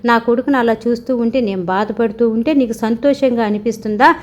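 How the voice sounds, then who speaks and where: A woman's voice: fairly high pitch, fairly quick, darkish tone, lightly acted. A woman voicing a furious, vengeful mother. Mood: furious, bitter. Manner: scolding, raised and agitated. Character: angry grieving wealthy mother, bitter and vengeful.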